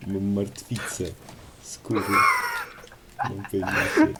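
A young man with a stoner-like, crude deadpan manner, bantering casually while gaming. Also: fairly low pitch, slow pace. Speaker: gaming video co-host. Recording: loud background noise, keyboard clicking.

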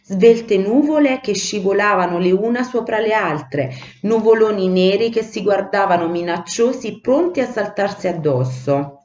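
Lady teacher reading a kids story, voice goes up and down a lot, echoey room. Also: medium pitch. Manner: animated, acts out the voices. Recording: roomy, dull lo-fi sound.

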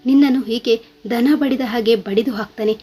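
A woman voicing a stern, sharp-tongued elderly woman employer who scolds and curses bluntly. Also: a little high, fairly even intonation, moderate pace, slightly rough. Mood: scolding.

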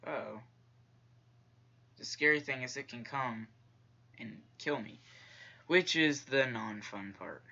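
A man's voice: medium pitch, slow, gravelly, long pauses, sharp tone, husky, highs cut off. A young man commenting on a horror game he is playing, jumpy and talking to the characters on screen. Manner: jumpy, talks to the game's characters, whispers when tense. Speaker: gaming YouTuber. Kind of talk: let's-play commentary.

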